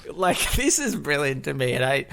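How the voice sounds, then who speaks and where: A man's voice: mid-range voice, sing-song, normal speed, creaky, fairly bright tone. A man chatting casually and riffing comedically as a podcast host, often giggling through his sentences.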